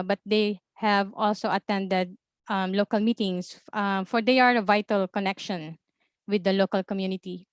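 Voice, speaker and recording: This Filipino woman, an observatory information officer from the Philippines, presents in a webinar with a Filipino accent. Her medium-pitched voice is smooth and her delivery measured, though peppered with ums and uhs. There's no room sound.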